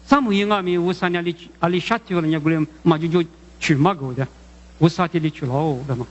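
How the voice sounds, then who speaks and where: A man delivers a sermon in a high voice, halting and repeating himself as he puts questions to the listeners. The sound is muffled and dull, with a long echo from a large hall. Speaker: preacher.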